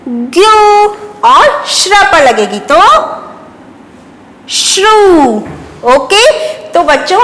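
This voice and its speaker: Slow, patient, high-voiced woman teacher. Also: fairly bright tone, big-room sound. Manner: slow, patient, call-and-response questions and praise. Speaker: primary school teacher. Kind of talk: children's handwriting and phonics lesson.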